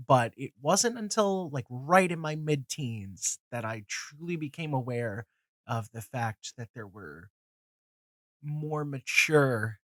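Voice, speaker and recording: A man in his twenties hosting a comics video sounds nasal from a cold as he casually rambles through his views, with frequent fillers, restarts and swearing. His pitch is medium, and the recording is dry.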